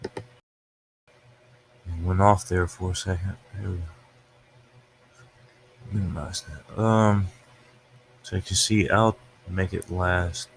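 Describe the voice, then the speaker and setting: A man's voice: low voice, little pitch movement, slow, long pauses, a little hiss or hum. A man giving casual, unscripted weather commentary over a webcam from an upstairs room at home, talking through his screen as he goes. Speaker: weather livestreamer.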